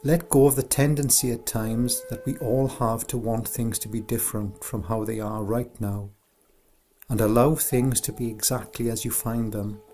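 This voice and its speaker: A medium-pitched man leads a scripted guided meditation with fairly even intonation. He speaks as an instructor would, gently and without hurry, in a soothing way.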